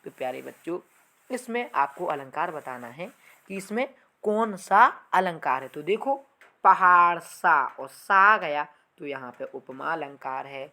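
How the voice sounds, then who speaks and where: This teacher's deep, animated voice carries a poetry lesson for exam prep. She declaims each line slowly and loudly before explaining it gently, calling the class dear children.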